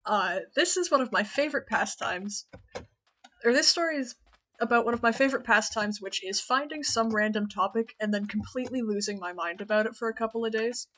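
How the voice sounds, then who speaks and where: A woman's voice: on the high side, brisk, fairly bright tone. A woman streamer talking casually to her chat while playing a game, chatty and rambling, often laughing.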